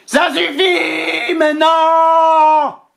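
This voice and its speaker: A woman voicing a big proud male lion, frustrated and lovelorn, roaring his words loudly in a storybook reading. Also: very high voice, flat delivery, drawn-out words, vocal fry, pitched above the performer's own voice, exaggerated voice. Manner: roaring, loud and insistent.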